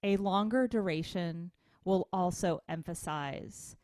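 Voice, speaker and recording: A woman music instructor explains her lesson in a slow, deliberate, step-by-step way. Her voice sits a little low and sounds dry and close to the mic. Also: darkish tone, dry recording. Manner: measured, explanatory teaching. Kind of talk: recorded lecture.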